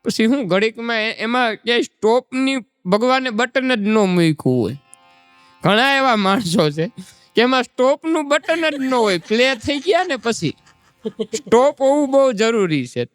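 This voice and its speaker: A man's voice: very high-pitched, expressive, unhurried, a bit bright, clean tone, no room sound, big-room sound, soft background music. A man, doing folk stand-up comedy and telling chatty anecdotes. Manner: chatty, anecdotal, recites verse. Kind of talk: Gujarati folk stand-up storytelling.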